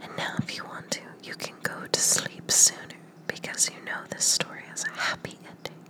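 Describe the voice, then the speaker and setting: A woman podcaster whispering a bedtime story meant to send the listener to sleep, softly repeating words over and over. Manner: soft whisper, slow hypnotic repetition of words.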